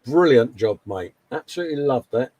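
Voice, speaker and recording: A man's voice: medium pitch, lively intonation, fairly quick, darkish tone, slightly rough. A man co-hosting a casual hobby show, reading out posts in a chummy, colloquial way, often calling people mate. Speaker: co-host of a hobby live show.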